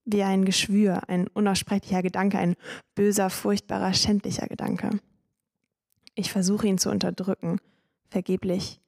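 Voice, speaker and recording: A woman hosting a podcast who reads a first-person story in a measured, grave way. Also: mid-range voice, flat delivery, vocal fry, a little mellow, dry recording, clean studio sound. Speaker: podcast host and narrator.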